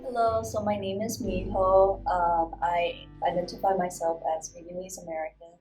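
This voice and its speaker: A woman's voice: lowish voice, flat delivery, normal speed, a little mellow. Emphatic young woman, roomy echo. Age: young adult. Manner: emphatic, with fillers. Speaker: student interviewee. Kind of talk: casual interview answer. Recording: roomy with clear guitar music.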